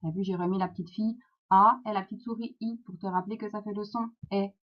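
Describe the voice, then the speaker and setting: A woman with a French accent teaching a phonics lesson to young children, slow and clear, encouraging, sounding out words syllable by syllable. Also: mid-range voice, steady tone. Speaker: primary school teacher. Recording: dull lo-fi sound.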